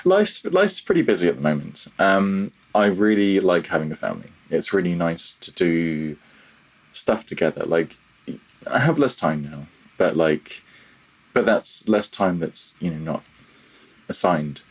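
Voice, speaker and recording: A middle-aged British man from the United Kingdom, a freelance audio programmer appearing as an interview guest, chats casually and rambles, trailing off mid-thought. His deep, husky voice is animated and measured in pace, though the audio quality is poor.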